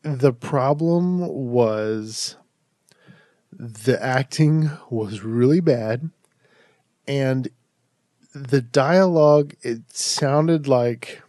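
A man hosts a casual horror review podcast in a mellow, slightly nasal medium-pitched voice, as if stuffed up from allergies. He rambles chattily, restarting sentences, drawing out words and pausing often. The sound is close and dry, with no echo.

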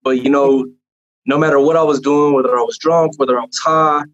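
A man's voice: mid-range voice, steady tone, fairly quick, a bit bright. A young man tells his personal testimony in a casual chat, in an earnest, rambling way with many fillers and restarts. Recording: dull lo-fi sound.

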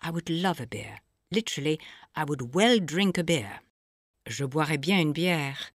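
Slow, low-voiced woman teaching French. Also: animated, no room sound, studio quality. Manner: slow, clear teaching delivery with pauses for repetition. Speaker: language course narrator. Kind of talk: scripted audio lesson narration.

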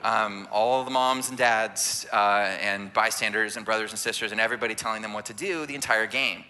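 A man's voice: on the low side, fairly even intonation, brisk, sharp tone. A man leading a church sermon as families ministry director, preaching conversationally and often asking "right?" to draw in listeners. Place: church sanctuary.

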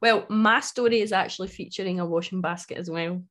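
A woman's voice: on the low side, fairly quick, fairly bright tone. Scottish woman chatting away, broad scots, telling stories informally like a podcast co-host. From Scotland. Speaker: book club podcast co-host. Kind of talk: casual chat, personal storytelling.

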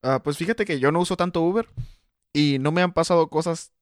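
Fast-talking young storyteller. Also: male voice, on the high side, no echo, studio quality. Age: young adult. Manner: rambling anecdote, fillers, chuckles. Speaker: podcast co-host. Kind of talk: casual storytelling chat.

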